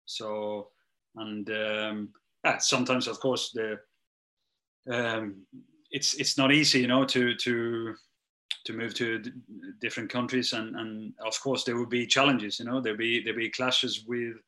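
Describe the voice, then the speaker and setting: A middle-aged non-native English speaker who works as a strength and conditioning coach responds to interview questions a little slowly, his medium-pitched voice pushed and bright with little pitch movement. Restarts and fillers are frequent, and his voice trails off as each sentence ends.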